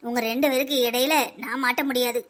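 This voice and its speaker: A woman's voice: steady tone, fast, a bit bright, close to an everyday voice. A woman voicing a bossy, chatty older village mother-in-law in a cartoon, with a southern Tamil Nadu accent and a girlish voice. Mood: scolding. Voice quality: high, girlish voice for her age. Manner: teasing, bossy scolding. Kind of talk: village comedy cartoon dub.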